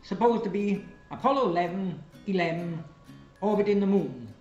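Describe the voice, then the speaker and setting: A man's voice: sits high, normal speed, a little mellow, lo-fi sound, soft background music. An older man ranting and trading insults in a video commentary, his voice sinking away faint and hollow as if he were down a well. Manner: insulting, blustering. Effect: sound drops away, distant and hollow as if down a well. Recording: echoey, faint and distant home recording.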